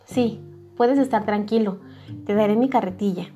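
A woman's voice: medium pitch, moderate pace, mellow, faint music behind, close to an everyday voice. A woman voicing a self-satisfied, preachy middle-aged miller who lectures in a storybook reading. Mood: smug. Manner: smug, lecturing.

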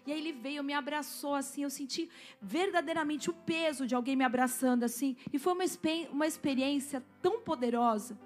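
A woman pastor, preaching a sermon and telling a personal testimony, drawing the congregation in with questions. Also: sits high. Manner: storytelling, asks the congregation to respond.

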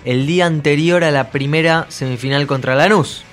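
A man with an Argentine accent, a radio host telling anecdotes in an animated casual chat in the studio. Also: a little high, normal speed. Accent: Argentine Spanish. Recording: radio studio with faint music.

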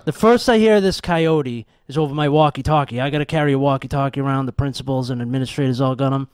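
A man doing a stand-up set, telling exasperated, profane stories with animated outbursts. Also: mid-range voice, fast, smooth. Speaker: stand-up comedian.

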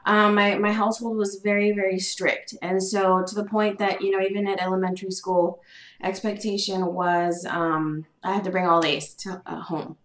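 Humble, halting pregnant woman, echoey room. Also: mid-range voice, flat delivery. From United States. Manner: humble, halting, many fillers and restarts. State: out of breath, eight months pregnant. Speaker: podcast guest. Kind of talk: casual podcast interview. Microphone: remote call, laptop.

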